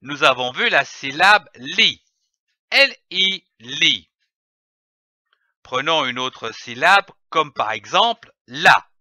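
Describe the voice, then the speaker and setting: A man teaching young children to read, sounding out each letter and syllable with slow, deliberate enunciation and patient repetition. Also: medium pitch, expressive, sharp tone, dry recording, clean studio sound. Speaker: reading teacher. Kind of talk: reading lesson for young children.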